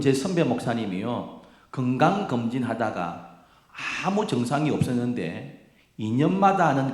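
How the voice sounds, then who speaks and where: A man preaching a sermon as pastor, animated and addressing the congregation directly. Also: mid-range voice. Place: church sanctuary. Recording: echoey church hall.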